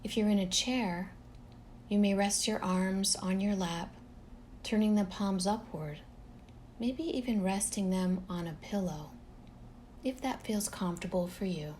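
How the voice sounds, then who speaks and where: Calm and gentle, a woman takes her time guiding a relaxation meditation, pausing at length between each phrase. Her pitch is medium, with a slight hum or hiss in the background.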